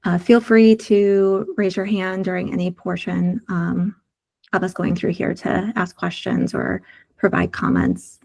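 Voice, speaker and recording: A woman losing her voice to a sore throat guides a community video call meeting through design prototypes, explaining each screen on her screen share one step at a time with frequent fillers. Her mid-range voice is unhurried and darkish, with vocal fry and little pitch movement.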